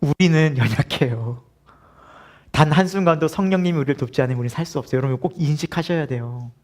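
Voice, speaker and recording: A male pastor preaching a sermon to his congregation. He talks in an animated way, moves from loud laughing asides to hushed earnest lines, and acts out inner voices and short quoted lines. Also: a little high, quick pace.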